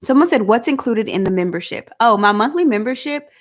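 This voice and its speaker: A woman's voice: fairly high pitch, expressive, a little fast. Chatty woman with a country drawl. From Southeast Oklahoma. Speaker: vlog host. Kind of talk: casual live chat.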